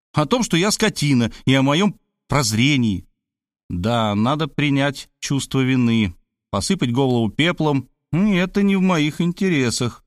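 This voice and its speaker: A man's voice: medium pitch, no room sound, studio quality. A middle-aged man narrating a first-person audiobook in a wry, self-ironic voice.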